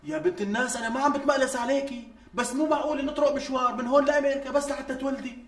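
An actor playing a harried young husband short of money, with a Syrian Damascene accent, protesting in exasperation. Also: male voice, high voice, expressive, racing. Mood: exasperated. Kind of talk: TV sketch acting. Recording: distant mic with faint music.

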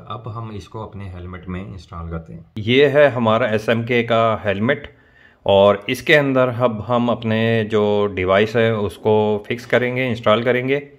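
The audio is dull, and the man's voice is on the low side. An Indian motovlogger in his thirties, he presents a product installation in a casual tutorial, addressing viewers and explaining each step from a small room in his home.

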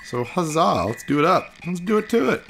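Brisk and very animated, this man's slightly high, a-bit-bright voice carries some vocal fry. He's a gaming video host chatting playfully through a playthrough and hamming up the on-screen text as he reads it. Game music runs underneath.

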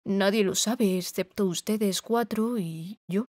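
A woman's voice: medium pitch, takes it slowly, darkish tone, no room sound, clean studio sound. A woman voicing a timid aging little man who poses as a great wizard, speaking meekly and shakily in an audiobook. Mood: humble. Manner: shaky, meek.

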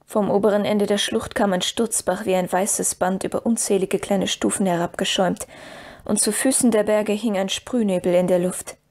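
A woman's voice: medium pitch, steady tone, moderate pace, a little mellow. Woman narrating a fantasy audiobook. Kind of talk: scripted storybook narration.

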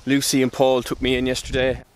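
On an outdoor trail, a hiking vlogger in his thirties talks to a handheld camera held at arm's length. His medium-pitched voice is monotone and fairly quick, and he rambles candidly with fillers and restarts.

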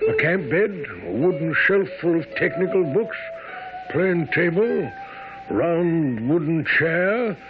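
An actor playing an earnest doctor, the detective's companion and storyteller, in a radio drama. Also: male voice, on the high side, animated, slow pace. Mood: scene-setting. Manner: earnest, descriptive. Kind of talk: radio drama narration and dialogue. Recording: tinny radio drama over loud music.

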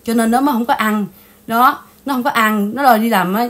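A woman host from Vietnam chats in a casual gossip commentary style. She sounds indignant and talkative, often turning to speak straight to her viewers. Her voice sits a touch higher than most women's. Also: a little fast, a bit bright. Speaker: channel host.

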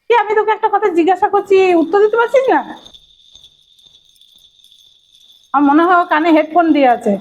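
A frightened mother in a comic horror skit, played by a woman, with a very high, shrill voice. She pleads in fast, repeated cries. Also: animated, dull audio. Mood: worried.

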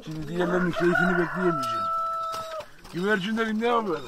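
Guy outside by the chicken coop talking to his pets, voice bounces up and down a lot, slightly high, chickens and a rooster in the background. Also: expressive, quick pace, very noisy. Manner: coaxing pet talk, scolding outbursts. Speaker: vlogger feeding his animals. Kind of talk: casual farm vlog chat to viewers. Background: rooster and chickens, birds.

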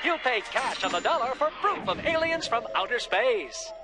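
An actor playing a pushy male announcer in a cartoon ad, salesy and quick. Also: sing-song, over music. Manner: salesy, rapid pitch. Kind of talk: cartoon voice acting.

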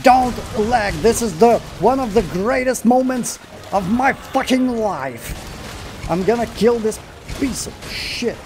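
Excitable swearing man playing a game. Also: extremely high pitch, measured pace, over music. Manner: swears often, talks to the monster, excitable outbursts. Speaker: gamer. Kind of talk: live gameplay commentary.

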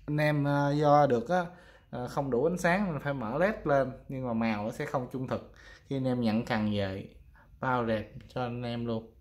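A fishing rod seller with a Southern Vietnamese accent casually shows off his products, chatting with viewers as if they were friends. He has a mid-range voice and a moderate pace.

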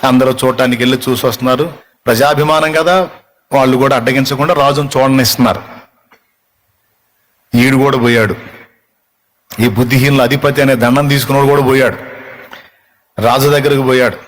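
A man preaching a sermon, telling a story in a lively, conversational way. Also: mid-range voice, a little fast, pauses often.

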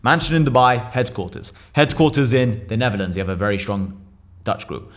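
A young English man in his twenties, a business owner guesting on a casual podcast, talks bluntly and swears freely. His medium-pitched voice is animated and fairly quick, picked up by a boom mic on an arm at a table in a small, visible indoor room.

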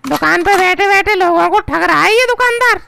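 A woman's voice: extremely high pitch, expressive, moderate pace, vocal fry, pushed and bright, exaggerated voice. A woman voicing an indignant, argumentative housewife who haggles in a cartoon comedy, on a noisy track. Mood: complaining. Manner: scolding, argumentative.

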